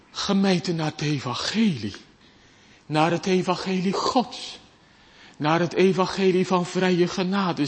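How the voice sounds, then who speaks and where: A man delivers a sermon as pastor, slow and deliberate, his voice sitting fairly high and swinging widely in pitch. He pleads and repeats phrases with dramatic rises and falls. The sound carries a long church reverb.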